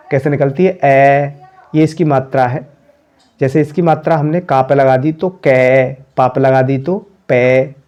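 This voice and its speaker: A man teaching a beginner class, sounding out each letter slowly and patiently. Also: mid-range voice, warm tone, highs cut off. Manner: slow, drawn-out sounding of letters.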